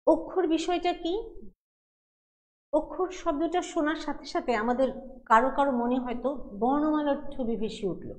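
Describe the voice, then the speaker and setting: High-voiced woman teacher, patient. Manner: patient, explains step by step, asks and answers her own questions. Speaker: college teacher. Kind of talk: classroom lecture. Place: classroom with a board. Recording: long hall reverb.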